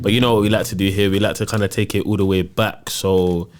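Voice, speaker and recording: Host with a low voice and noise behind him. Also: male voice, level tone, fast. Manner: slangy, prompting questions. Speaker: podcast host. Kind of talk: casual chat.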